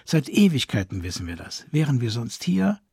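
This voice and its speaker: A man's voice: mid-range voice, sing-song, moderate pace, gravelly, warm tone, slightly rough, no room sound, studio quality, exaggerated voice. A man reading an audiobook voices an impatient, blunt lady of society who talks with exasperation. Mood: exasperated. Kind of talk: audiobook character voice.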